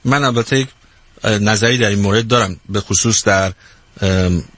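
Husky man hosting a talk. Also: on the low side, a bit bright. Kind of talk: interview questioning.

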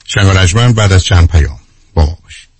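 An Iranian man speaking on a radio talk show, lecturing emphatically and asking rhetorical questions. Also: deep voice. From Iran.

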